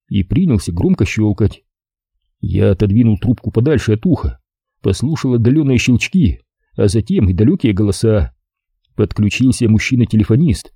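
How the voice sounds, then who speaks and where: Male audiobook narrator, wry measured telling, very dark husky tone, lively pitch, dry close mic. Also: dry recording. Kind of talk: first-person audiobook narration.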